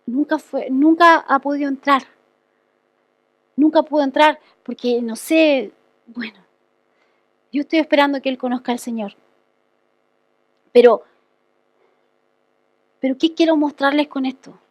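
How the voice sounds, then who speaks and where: High-voiced woman pastor telling a story. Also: measured pace, long pauses, no echo. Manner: storytelling, often checks in with the congregation. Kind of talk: conversational testimony sermon.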